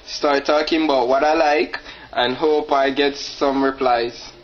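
Nervous halting man in a lo-fi clip. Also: mid-range voice, steady tone. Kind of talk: comic video dating clip. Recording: dull lo-fi clip with faint noise.

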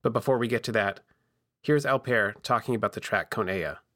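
A man's voice: lowish voice, a little fast, fairly bright tone, clean studio sound. Man narrating a podcast, with basement echo. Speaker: podcast host. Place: home basement with a makeshift foam vocal booth. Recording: roomy basement echo in makeshift booth.

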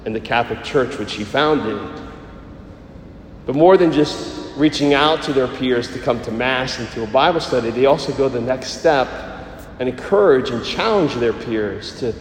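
Man, priest, sermon, measured delivery, echoing church, long reverb. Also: mid-range voice, a little hiss or hum. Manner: measured, slowing down for emphasis. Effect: echoing church acoustics. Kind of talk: gospel reading and sermon. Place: large church.

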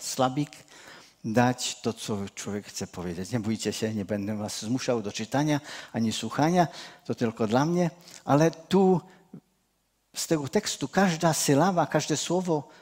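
A man's voice: medium pitch, darkish tone. A man preaching a sermon from the area. He talks earnestly to the congregation, often restarts a phrase, and lifts his voice when stressing a point. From Czech Cieszyn region.

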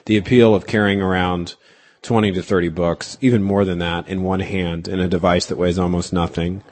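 A man who is a novelist, chatting as an interview guest in an animated, wry way with quick asides. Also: low-pitched. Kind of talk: casual interview chat.

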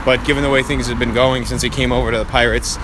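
A man co-hosting a casual sports podcast with wry, resigned griping, recorded in low quality while walking outdoors by traffic. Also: level tone, fast talker. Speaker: podcast co-host. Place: outdoors walking along a busy city street at night. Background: passing traffic.

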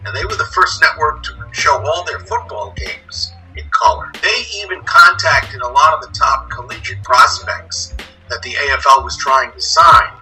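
A man's voice: on the high side, normal speed, pushed and bright, soft background music, rough recording. A man in his sixties from New York, an author telling detailed stories about old games as a guest. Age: 60s. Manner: detailed, anecdotal storyteller. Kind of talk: interview, storytelling.

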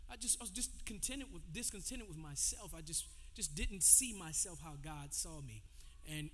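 A man in his forties preaching to his congregation, his voice sitting high. He moves between call-and-response and a loose, conversational telling of his testimony. The sound rings out with a long reverb from the church hall. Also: fairly bright tone, a little hiss or hum. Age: 40s. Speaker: pastor. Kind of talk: sermon. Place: church sanctuary.

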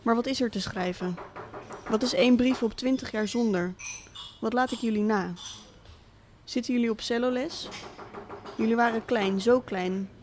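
A woman reading a literary monologue as a cynical, wealthy absent father, speaking in a dry, deliberate, sardonic way. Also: a little high, darkish tone, a little hiss or hum, natural voice. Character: cynical rich middle-aged father, absent tycoon.

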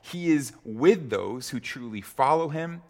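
A man preaching a sermon on a psalm in a slow, deliberate way, with frequent fillers and repeated phrases. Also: mid-range voice, animated, in a large hall.

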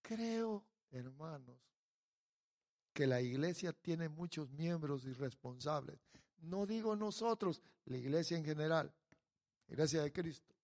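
Un hombre predicando un sermón, exhortando a la congregación y pasando de tono bajo a fuerte énfasis. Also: male voice, a little high, expressive, unhurried. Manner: exhorting, addressing the congregation directly; swings from quiet to loud emphasis. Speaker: preacher. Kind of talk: sermon.

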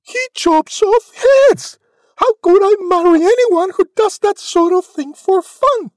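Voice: very high-pitched, animated, slow pace, dry recording, pitched above the performer's own voice, heavily acted. A narrator voicing a demanding, dramatic young Cinderella with theatrical, exclamatory rhymed lines in a storybook tale. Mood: heartbroken.

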